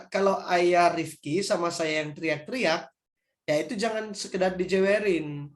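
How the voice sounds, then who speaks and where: A man's voice: high voice, echoey room. A man answering parents' questions in an online talk, speaking casually and acting out little scenes. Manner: conversational, acts out scenes for parents. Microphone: video call.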